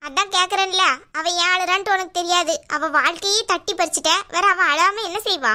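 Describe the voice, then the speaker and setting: A woman's voice: sharp tone, full character voice. A woman voicing a scheming, domineering middle-aged aunt in a cartoon, talking in a bossy, scornful way. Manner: bossy, scornful, low and slow. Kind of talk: cartoon voice acting.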